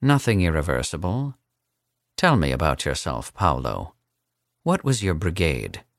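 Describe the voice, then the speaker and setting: A suave older captor, cold and amused, speaks, as a male narrator puts him on, in a very low, smooth voice. He drawls each line with easy condescension. The sound is close and dry. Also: wildly swooping pitch, a little slow, no echo, exaggerated voice. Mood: calm, menacing.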